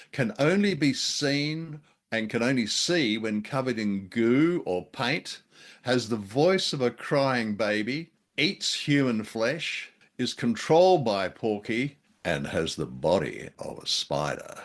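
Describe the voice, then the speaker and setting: A man's voice: medium pitch, very animated, unhurried. A man co-hosting a podcast, chatting in a wry, chuckling way as he reviews an old radio play. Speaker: podcast co-host. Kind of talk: casual review discussion.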